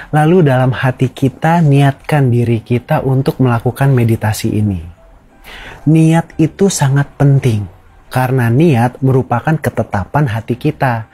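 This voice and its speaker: A man with an Indonesian accent giving a guided meditation lesson in a calm, soothing, instructional manner like a yoga teacher. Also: mid-range voice, husky. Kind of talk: guided meditation tutorial for beginners.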